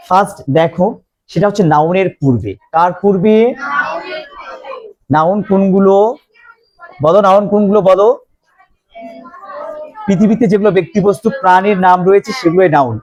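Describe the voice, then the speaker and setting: A man teaching English grammar to a classroom of students, slowly repeating questions for the class to answer. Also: sits high, darkish tone.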